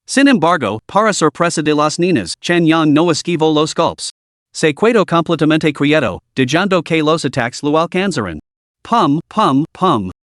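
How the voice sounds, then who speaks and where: A man narrating a comic-style fantasy story summary in a steady, even storytelling manner. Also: fairly high pitch, normal speed, dry recording, studio quality.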